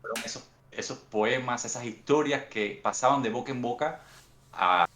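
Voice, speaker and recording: A young Cuban man with a Cuban accent talks through his answers in an unhurried, reflective way, often circling back to restart a phrase. His voice sits at an ordinary middle pitch. It carries a noticeable roomy echo. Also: a bit bright, slight background noise. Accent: Cuban Spanish. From Cuba. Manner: thoughtful, unhurried storytelling with frequent restarts. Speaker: guest author.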